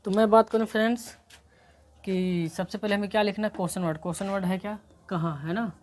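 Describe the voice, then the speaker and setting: A woman's voice: medium pitch, steady tone, fast talker, a little mellow. A woman teaching an English grammar lesson, explaining step by step and often checking that her students follow, and she has a slight cold. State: coming down with a cold.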